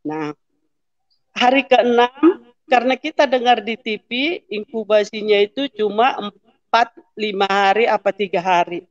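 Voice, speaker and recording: A woman's voice: mid-range voice, expressive, unhurried, pauses often, lo-fi sound. A woman in her fifties giving an emotional testimony to a pastor, acting out the dialogue and rising into pleading prayer.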